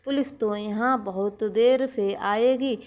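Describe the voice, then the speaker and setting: A woman's voice: a little high, slow, a little mellow. A woman voicing an angry young man who accuses a stranger in a storybook tale. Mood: accusing. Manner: stern, accusing, commanding.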